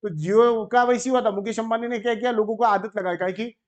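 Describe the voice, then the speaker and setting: A man with an Indian accent teaching a commerce class, animated, often asking the class questions and acting out shopkeepers in short bits. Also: high-pitched, brisk, lo-fi sound. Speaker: commerce tutor. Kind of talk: classroom lecture.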